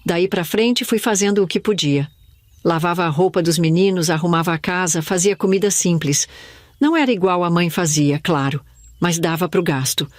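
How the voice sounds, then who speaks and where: An older woman from Brazil telling a sad childhood memory in first person, in a slow, somber storytelling manner. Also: on the low side, no echo. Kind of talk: scripted first-person narration.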